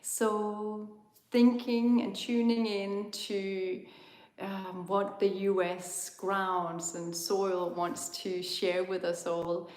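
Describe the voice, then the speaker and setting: A Danish-accented woman from Denmark hosting a live online spiritual talk, speaking gently and searching for words with frequent ums. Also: mid-range voice, flat delivery, very slow, reverberant. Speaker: spiritual host of an online tour.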